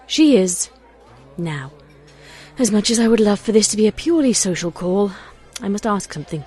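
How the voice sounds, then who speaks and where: A woman's voice: mid-range voice, lively intonation, normal speed, darkish tone, slightly rough. A woman playing a regal, burdened pony princess of the night in an audio drama, stately and formal. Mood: insistent.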